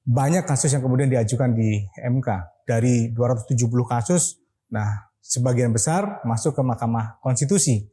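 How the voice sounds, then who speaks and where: Indonesian guy hosting a casual talk show, dark soft-edged tone, medium pitch, chatty explainer. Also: normal speed, breathy edge. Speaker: host of a legal discussion show. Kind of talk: casual, conversational show presenting.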